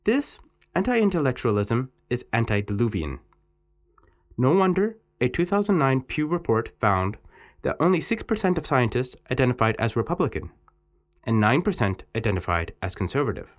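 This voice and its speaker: Guy reading an english exam passage, voice swoops up and down a lot. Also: moderate pace. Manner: lively, expressive reading with pitch swings on quotes. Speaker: exam text reader. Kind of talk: reading an exam text aloud.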